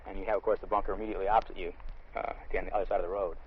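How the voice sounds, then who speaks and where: An American army lieutenant explains things matter-of-factly in an outdoor field interview, speaking very fast in a low, level voice. The recording is a dull, lo-fi vintage field recording with a little hiss or hum.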